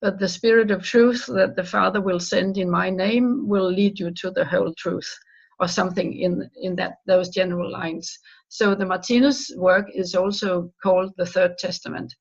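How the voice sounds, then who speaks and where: Gravelly woman on a dull line. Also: medium pitch, steady tone. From Denmark. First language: Danish. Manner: earnest, halting with restarts. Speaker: guest author. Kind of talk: remote interview answers. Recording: dull lo-fi call audio.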